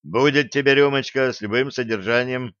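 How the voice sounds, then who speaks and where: A man's voice: medium pitch, brisk, fairly bright tone, smooth, no echo, close to an everyday voice. A man voicing a bold male space captain in a sci-fi audiobook, speaking decisively with sarcastic energy. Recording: dull lo-fi dry recording.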